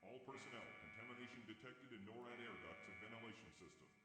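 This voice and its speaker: A man's voice: mid-range voice, fast, pushed and bright, soft background music, lightly acted. A man voicing an automated base security system in a video game, giving clipped, impersonal, urgent scripted warnings. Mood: stern alert. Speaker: warning announcer. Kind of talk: scripted game alert announcements.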